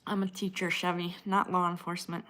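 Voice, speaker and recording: A woman speaks briskly in a lowish, fairly bright voice with little pitch movement. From the United States and carrying a Midwestern accent, she hosts a casual livestream, replying to viewers by name as she moves through the chat.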